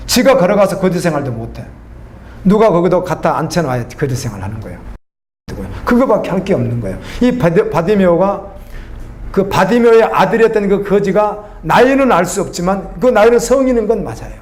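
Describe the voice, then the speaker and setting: High-voiced preacher in an echoey church. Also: male voice, sing-song, fairly quick, a little mellow. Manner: conversational preaching, asks the congregation questions. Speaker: pastor. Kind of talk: sermon.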